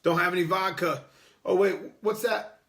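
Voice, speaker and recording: A man with a high-pitched, slightly bright voice and some vocal fry speaks at a moderate pace in a steady tone. Hosting an unscripted podcast, he rambles loosely, swears, laughs often, and chats with viewers while reading the live chat.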